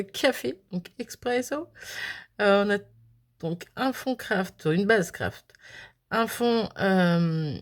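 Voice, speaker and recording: A chatty woman from France who vlogs about crafting, casually showing swapped cards and laughing at her own slips. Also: medium pitch. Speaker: crafting vlogger.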